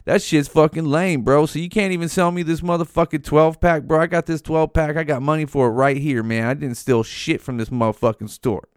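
A man playing a defensive, whiny customer who swears he never stole a thing. The voice sits a touch higher, profane and aggrieved. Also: fairly even intonation, brisk, hardly any pauses, clear, resonant tone, no echo, studio quality, natural voice. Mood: indignant protest. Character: indignant young male customer banned from a store.

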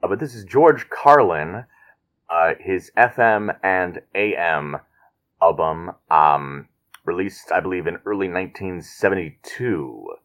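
A man with a deep, low-pitched voice hosts a comedy podcast. He speaks casually, answering his co-host's jokes with dry, unhurried remarks. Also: lively intonation, fairly bright tone. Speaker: podcast host.

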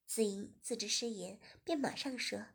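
A woman narrates a story in a slightly high, breathy voice. She reads evenly and unhurriedly, and sometimes slips into a soft whisper. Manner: even, unhurried reading, dropping into a whisper.

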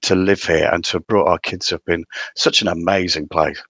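A man's voice: sits low, fairly even intonation, normal speed, fairly bright tone, breathy edge, no echo. A middle-aged man with a County Durham accent tinged with Midlands, chatting casually as an interview guest in a self-deprecating way. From County Durham, England. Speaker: podcast guest.

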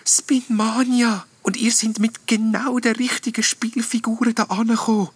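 A man voicing a small, sad and hopeful ghost, speaking softly in a whispery way in a storybook reading. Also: very high-pitched, level tone, normal speed, breathy edge, no room sound, voice pushed up. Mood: hopeful hushed. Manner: soft and whispery.

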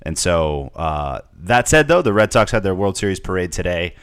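Man, deep voice, podcast co-host, rambling sports chat, lots of fillers, dry close sound. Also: big pitch swings, moderate pace, smooth, no echo. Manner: rambling, repeats words, many fillers.

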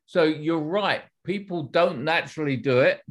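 A middle-aged man, formerly an executive and now an author, answers interview questions in a fairly high voice. He explains things in a measured way, often restarting his sentences.

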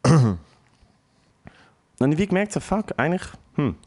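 A young man with a Swiss German accent, animated and swearing often, telling a story in a casual chat with English slang mixed in. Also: a little high, moderate pace.

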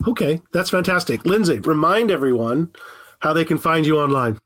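A man's voice: a little high, normal speed, a bit bright, no echo. Male interview host, wheezy voice, conversational delivery, close dry sound. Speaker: podcast host.

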